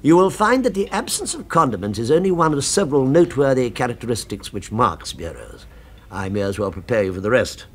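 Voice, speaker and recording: An actor playing a fervent, food-obsessed gentleman in a 1970s British radio drama, with precise, florid, emphatic speech. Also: medium pitch, big pitch swings, brisk, slightly rough. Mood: confident.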